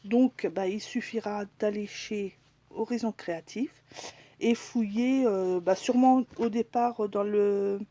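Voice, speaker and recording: A woman's voice: mid-range voice, slow, warm tone, dry recording. A woman chatting casually in a haul video, hesitant and full of fillers, now and then dropping to a whisper as she shows each item. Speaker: crafting vlogger.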